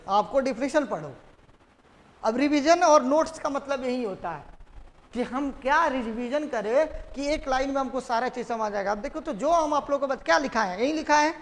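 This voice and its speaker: A male teacher giving a classroom lecture, repeatedly quizzing his students and having them echo the key terms. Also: very high-pitched. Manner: drilling students with repeated questions. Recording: classroom with long reverb.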